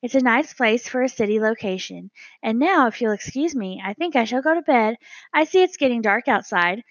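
A woman's voice: a little high, animated, normal speed, no room sound, highs cut off. A woman voicing a tiny, polite female songbird with a sore throat, prim and gracious.

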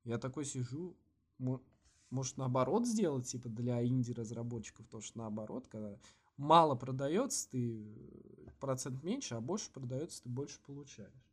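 A man co-hosting a podcast in casual, slangy chat with swearing, halting with many false starts and repeats. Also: mid-range voice, expressive, husky. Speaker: podcast co-host.

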